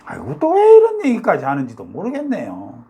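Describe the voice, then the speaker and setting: Here an older South Korean man from North Gyeongsang hosts a YouTube talk, rambling to viewers in a Gyeongsang accent full of fillers and rhetorical questions. His high voice swings hugely in pitch and moves fairly quickly. It sounds mellow but slightly rough.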